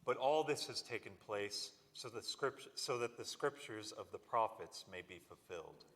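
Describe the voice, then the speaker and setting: A man reading the part of Jesus as a solemn, measured teacher in a dramatic scripture reading. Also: on the low side, lively intonation, fairly bright tone. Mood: firm reproach. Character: Jesus, solemn adult male teacher facing arrest. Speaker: reader in a church passion reading. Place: church service. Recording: long reverb of a large room.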